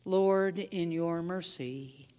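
A woman pastor leads prayers at an unhurried, measured pace, her voice set slightly low. Her words hang in a long cathedral-style church echo. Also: dark tone, clear, resonant tone. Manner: slow, measured liturgical delivery. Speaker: pastor leading worship. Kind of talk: liturgical prayer leading. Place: church sanctuary. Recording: long church-hall reverb.

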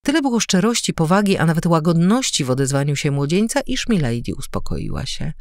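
A woman narrating an audiobook with an expressive, varied reading. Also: sits low, a little fast, dry recording, clean studio sound.

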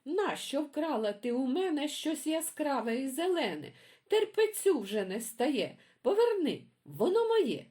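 Жінка озвучує сварливу сороку, що верескливо й сердито докоряє іншій. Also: female voice, sing-song, unhurried, dark tone. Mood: angry. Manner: shrill, scolding. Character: squabbling shrill female magpie, accusing.

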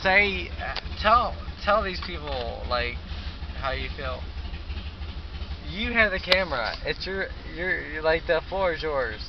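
Drunk young man, slow and slurry-paced. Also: a little high, animated. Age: 20s. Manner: affectionate, calls companion baby. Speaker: vlogger. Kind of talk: casual vlog chat. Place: inside a car at a drive-thru. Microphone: handheld camera at arm's length. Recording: dull, noisy phone recording in car.

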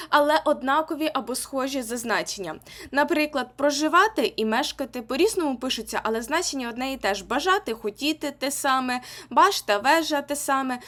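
A woman's voice: sits high, a bit bright. A young woman with a Ukrainian accent teaching an exam-prep language lesson online, explaining patiently and repeating key points.

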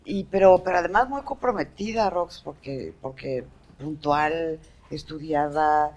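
A woman's voice: deep voice, unhurried, darkish tone, lo-fi sound. A woman with a Mexican Spanish accent hosting an interview, friendly and teasing with short questions. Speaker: interview show host. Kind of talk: casual interview chat.

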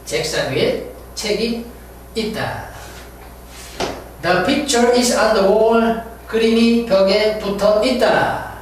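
Slow high-voiced man teaching, echoey room. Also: distant mic, slight background noise. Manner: drills words, corrects pronunciation, chuckles at own jokes. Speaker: English teacher. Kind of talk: lecture explaining vocabulary.

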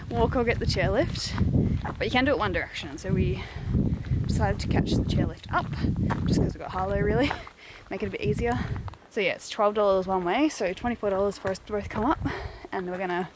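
The recording is very noisy as a young Australian woman, talking a little fast at medium pitch, chats to her handheld phone for a casual travel vlog. She laughs and says "like" a lot while walking forest and coastal paths and driving, the phone at arm's length.

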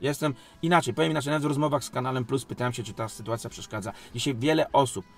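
A man with a mid-range voice speaks at a racing pace over soft background music. He is a sports league company president and club coach, giving unscripted interview answers in an emphatic, defensive way, repeating phrases and posing rhetorical questions.

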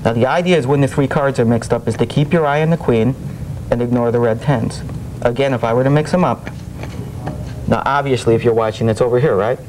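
A man's voice: brisk, darkish tone. A young man demonstrating street swindles as a magician, explaining and challenging the onlooker in a shell game hustler's patter. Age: young adult. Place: small TV studio set, indoors, at a table. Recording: noisy old videotape with low rumble.

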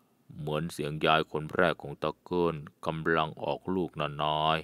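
A man's voice: steady tone, a bit bright, smooth, no echo, studio quality. Man doing a muttering old jungle guide. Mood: fearful. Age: older. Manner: slow, low, muttering. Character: old Karen jungle guide, superstitious and uneasy.

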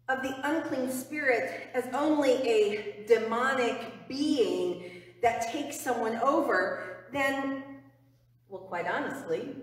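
A middle-aged woman pastor preaches in a slow, unhurried way, her slightly high voice earnest and emphatic, sinking to a hush on key phrases. She is picked up by a far camera mic in a church sanctuary, with long, echoing reverb around her. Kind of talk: sermon. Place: church sanctuary before the altar.

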